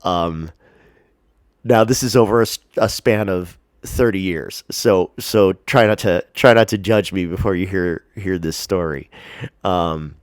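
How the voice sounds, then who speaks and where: A vlog host with a congested, stuffy nose sniffles as he chats casually to camera, rambling and hesitating in a self-deprecating way. His low voice is a little slow, recorded close to the mic with no room sound.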